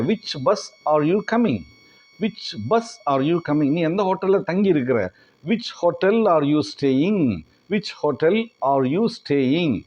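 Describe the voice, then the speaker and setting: A man leads a language lesson, his fairly high voice rising and falling in a lively way. He speaks slowly and deliberately, repeating every sentence and spelling words out letter by letter. The audio sounds a little dull and lo-fi. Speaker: English teacher.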